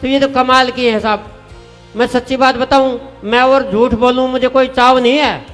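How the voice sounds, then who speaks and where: A high-pitched man with a Haryanvi accent recites comic verse in a folksy, chatty way. His voice rings with the long reverb of a live stage, and faint music sits beneath it. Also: fairly even intonation, moderate pace, a bit bright. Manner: folksy, chatty with the audience, rhyming punchlines. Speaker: comic poet. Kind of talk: stage comedy poetry recitation.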